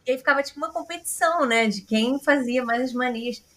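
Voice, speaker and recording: A woman's voice: high-pitched, quick pace, fairly bright tone. A woman with a Brazilian Portuguese accent hosting a podcast, chatty and rambling in casual conversation. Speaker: podcast host.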